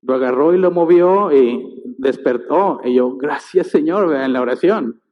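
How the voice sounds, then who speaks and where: A man's voice: medium pitch, moderate pace. A male pastor, telling a story in a sermon and acting out the sounds and voices in it. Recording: tinny sound in a reverberant church hall.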